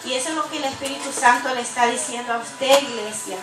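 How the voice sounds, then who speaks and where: A woman pastor with a high voice preaches a heartfelt sermon, rising to loud declarations and then dropping to hushed, tender passages. Her voice is recorded from a distance in an echoey church sanctuary. Music plays clearly underneath. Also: quick pace. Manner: impassioned preaching, swinging between loud and hushed. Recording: echoey church hall, mic from afar, music behind.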